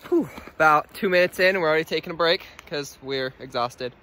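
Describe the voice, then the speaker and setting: A man's voice: on the high side, fairly quick, pushed and bright. A man hiking a long trail, talking to the camera in a casual, rambling way and laughing easily, recorded outdoors. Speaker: thru-hiker vlogger.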